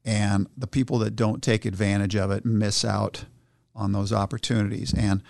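A man's voice: lowish voice, normal speed, gravelly, dry recording, clean studio sound. A man telling a story in casual conversation, animatedly acting out the people he quotes. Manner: animated, acts out quoted voices. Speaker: guest entrepreneur.

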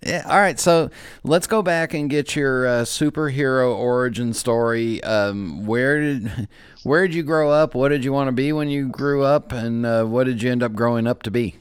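A podcast host interviews a guest in casual chat, joking and chuckling at his own quips. His medium-pitched voice is clear and resonant, with fairly even intonation at normal speed. The recording is dry, with clean studio sound.

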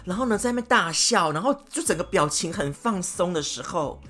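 A woman hosting a podcast, giving dating advice as a dramatic, animated storyteller who acts out scenes. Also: fairly low pitch, fairly quick.

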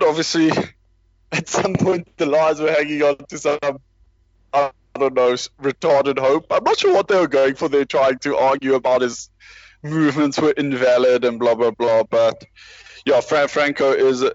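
A man's voice: mid-range voice, moderate pace, dull audio. A man talking rugby in a casual, rambling way, with many restarts and self-deprecating asides. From South Africa. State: parent with a baby nearby. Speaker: rugby podcast panelist. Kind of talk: casual chat.

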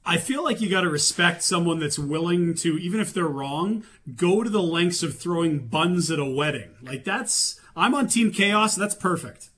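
A man's voice: high-pitched, expressive, normal speed, few pauses, a bit bright, slight background noise. A man co-hosting a radio show, joking playfully in casual banter. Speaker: radio co-host.

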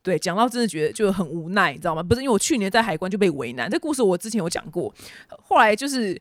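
A woman's voice: medium pitch, very animated, rapid-fire, no echo, clean studio sound. A woman hosting a casual news podcast, chatty and exasperated, ranting with sarcastic asides. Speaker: podcast host.

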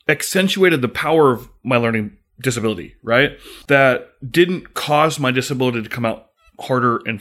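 A man's voice: medium pitch, a bit bright. Man chatting through a solo podcast. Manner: conversational, frequent fillers and restarts. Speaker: podcast host on sales. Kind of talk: casual solo podcast monologue.

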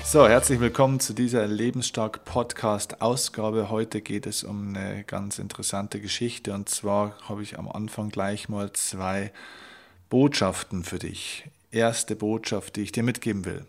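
A man's voice: fairly low pitch, flat delivery, measured pace, soft background music. A man hosting a motivational podcast as a coach, speaking emphatically and repeating his key points.

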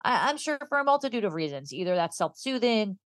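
A woman's voice: medium pitch, very animated, quick pace, fairly bright tone, no room sound, studio quality. A woman co-hosting a true-crime podcast, moving between conversational commentary and storytelling read from notes.

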